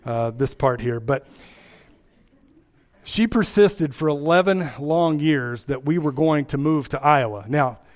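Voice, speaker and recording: A man's voice: a little high, measured pace. A man from Kentucky with an Appalachian accent, preaching a sermon and teaching from scripture, repeating key phrases for emphasis.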